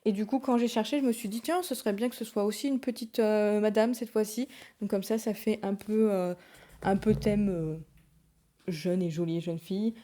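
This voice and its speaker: A woman's voice: mid-range voice, steady tone, moderate pace, dark tone. A young woman vlogging casually about her books and colouring, rambling with many hesitations. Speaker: book vlogger. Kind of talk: casual chat to camera.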